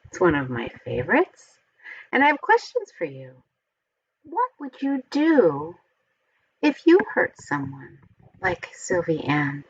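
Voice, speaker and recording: A storybook reader, this woman tells a children's tale expressively and deliberately in a husky, fairly low voice. She lingers on every phrase and enunciates carefully for young ears, in a slightly dull recording.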